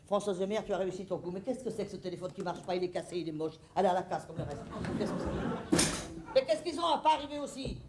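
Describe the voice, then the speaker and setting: A stage actress playing a flustered, fussy middle-aged hostess in a comedy monologue, rambling theatrically to the audience. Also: female voice, medium pitch, animated, rapid-fire, hardly any pauses, heavy background noise, natural voice.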